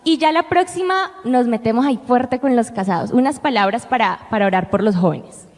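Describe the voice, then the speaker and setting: A woman's voice: fairly high pitch, a little fast. A woman hosting a faith talk show, conversationally prompting her guests. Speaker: interview host. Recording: long hall-like reverb.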